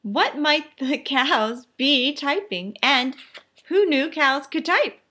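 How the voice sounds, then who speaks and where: Here a teacher shows how to read a picture book to children, giving it expressive delivery and deliberate, instructive phrasing. She speaks slowly in a high, pushed, bright voice with lively intonation.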